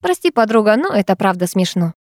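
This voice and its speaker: A woman voicing a wry, teasing teenage schoolgirl with a mocking, sharp tongue, in an audiobook reading. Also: medium pitch, very animated, quick pace, dry recording, studio quality, close to an everyday voice.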